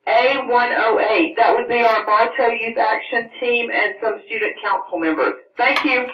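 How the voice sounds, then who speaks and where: A woman making a polite school intercom announcement over the loudspeaker, repeating the room number. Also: fairly high pitch, moderate pace, recorded from a distance. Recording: muffled, echoey loudspeaker heard from afar, faint hiss.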